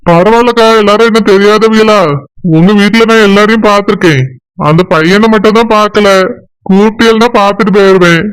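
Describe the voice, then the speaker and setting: A woman voicing a polite, calm older visiting woman in a cartoon, speaking in a reassuring way. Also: medium pitch, fairly quick, smooth, voice pushed down, close to an everyday voice, low-quality recording. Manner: relaxed, reassuring. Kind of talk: cartoon voice acting.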